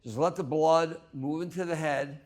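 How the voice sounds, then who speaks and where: A man guiding a breathwork and exercise class as the instructor, giving measured instructions in short phrases with long pauses. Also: on the high side, fairly even intonation, a little mellow.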